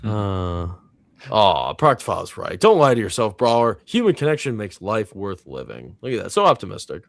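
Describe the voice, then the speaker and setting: A man's voice: fairly low pitch, big pitch swings, normal speed, vocal fry, dry recording. Rambling male stream host, dry sound. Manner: rambling, reads viewer comments aloud, many fillers. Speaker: host of a movie reaction panel. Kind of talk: casual live-stream chat.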